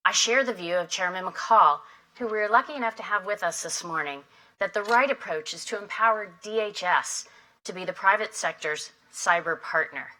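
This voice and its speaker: Bright-voiced woman giving a keynote. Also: medium pitch, normal speed, poor audio. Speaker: industry association head opening a summit. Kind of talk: prepared keynote speech. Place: conference hall.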